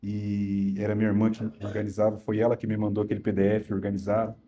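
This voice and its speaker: A middle-aged Brazilian man preaching a sermon, telling a personal story with animated swings between loud and soft. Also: lowish voice, quick pace, dull audio. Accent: Brazilian Portuguese. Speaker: pastor.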